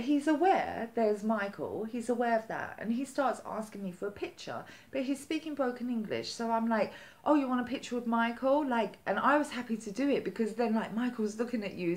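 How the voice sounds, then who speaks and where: A woman vlogger telling a story in casual chat, animated and chatty, acting out the quotes with lively jumps in her voice. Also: on the high side. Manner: chatty with many "like" fillers.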